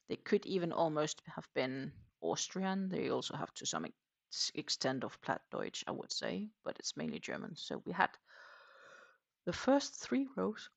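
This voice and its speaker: Working on crochet during a livestream, a Danish-accented host from Denmark chats easily and replies to what viewers write. Expect a medium pitch with vocal fry and a little brightness; there's no room sound, and the audio is dull. The talk wanders aloud, packed with fillers and trailing phrases.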